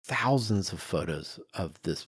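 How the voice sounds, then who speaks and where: Here a low-pitched, breathy-edged male voice moves a little slowly but stays animated, captured in studio quality with no room sound. He's a podcast co-host spinning animated stories over casual chat, emphatic, self-mocking and conversational.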